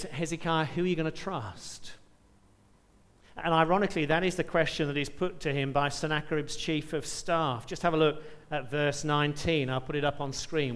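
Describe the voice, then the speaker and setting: Preacher in a reverberant hall. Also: male voice, on the high side, steady tone, brisk, few pauses, fairly bright tone, clear, resonant tone. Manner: reads scripture aloud with rising emphasis, asks rhetorical questions. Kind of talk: sermon.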